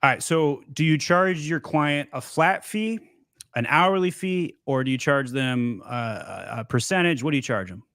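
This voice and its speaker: A man hosting a live call-in question session, talking in a blunt, quick, joking way. His voice sits at an ordinary middle pitch. The sound is dry and close, with no room echo. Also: fairly bright tone. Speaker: host of a live seller Q&A. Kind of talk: casual advice chat.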